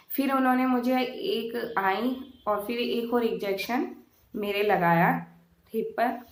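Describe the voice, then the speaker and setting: A woman's voice: mid-range voice, echoey room. A young woman vlogger telling her own birth story, retelling it vividly and acting out her own pleading. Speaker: mom vlogger. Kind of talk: personal birth story vlog.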